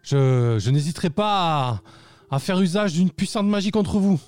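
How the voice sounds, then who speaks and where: A man's voice: high-pitched, normal speed, darkish tone, dry recording, pitched above the performer's own voice. Man putting on a distant, quavering old mouse wizard. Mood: fearful, threatening. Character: frightened old male mouse wizard, threatening. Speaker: game master. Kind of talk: tabletop game narration.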